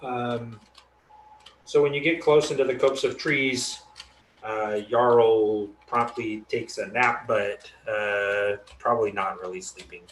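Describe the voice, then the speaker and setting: A man runs a tabletop game with a fairly low voice and an unhurried, halting delivery. He describes scenes casually as game master, with faint noise behind him. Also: steady tone, echoey room.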